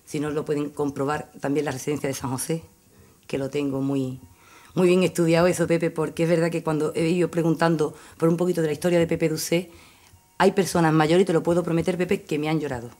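Andalusian councilwoman, middle-aged, deep voice, chatty speech into table mic, repeats stuff for emphasis. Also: flat delivery, brisk, warm tone. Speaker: town councillor. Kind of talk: informal press conference speech. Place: indoor press room. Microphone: table microphone.

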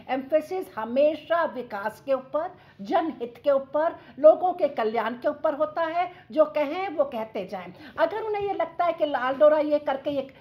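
A woman with a high, bright voice speaks on a television debate panel. She argues her point emphatically, circling back and repeating phrases to press them home. Her delivery is rhetorical and insistent. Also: muffled recording. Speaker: Congress party panelist.

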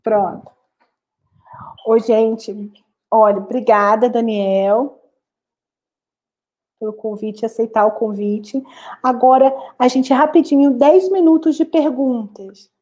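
A woman's voice: fairly high pitch, fairly even intonation, slow pace, pauses often, dark tone. Earnest Brazilian woman lecturing live online. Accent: Brazilian Portuguese. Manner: earnest, explanatory, addresses students directly. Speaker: guest lecturer.

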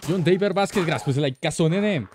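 A man hosting a gaming livestream, greeting chat with lively, slangy, playful banter. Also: fairly high pitch, fairly quick. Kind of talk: casual live-stream chat greeting viewers.

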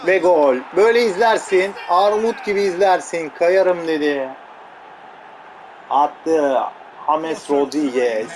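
A man giving casual, teasing commentary over his own football video game match, grumbling and joking at his players. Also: medium pitch. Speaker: gameplay commentator. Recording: game crowd audio loud underneath. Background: loud game crowd noise.

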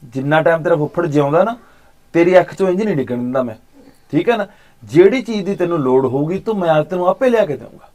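A man, acting as an uncle in a short film, gently consoling and reassuring his niece. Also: a little high, expressive, quick pace. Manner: warm, fatherly consoling. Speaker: uncle by marriage.

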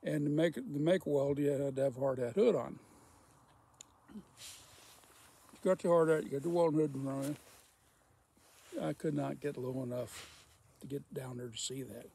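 Gravelly folksy man telling stories. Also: mid-range voice, moderate pace, pauses often, mellow. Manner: folksy, rambling, repeats himself. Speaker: storyteller, former welder. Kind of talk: casual spoken storytelling.

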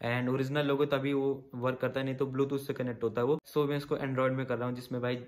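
Speaking fairly quickly in a flat, medium-pitched voice, a vlogger in his 20s reviews a product and walks through a tutorial from his bedroom at home. He's informal, talking to viewers as friends and calling them "guys" and "bhai."

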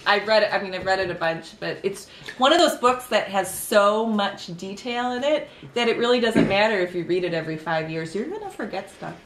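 A woman's voice: mid-range voice, animated, brisk. A young woman co-hosting a book podcast, chatting casually and laughing while talking over wine. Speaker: podcast co-host. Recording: roomy echo, faint hiss.

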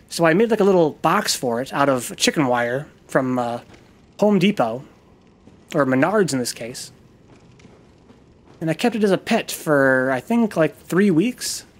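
Male gaming host, casual and profane, rambling self-deprecating storyteller, slightly high voice. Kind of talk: casual gameplay commentary with storytelling.

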